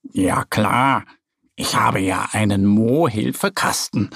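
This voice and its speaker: A man's voice: fairly low pitch, slow, gravelly, a bit bright, breathy edge, no echo, studio quality, pitched below the performer's own voice, exaggerated voice. A man voicing a curious, eager little boy bear cub in a children's audio story, whiny and eager.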